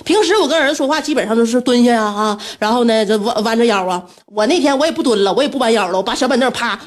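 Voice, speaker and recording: A woman, a radio host telling a story in an animated way and laughing often. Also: rapid-fire. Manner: animated, laughing often, breaks into shrill scolding.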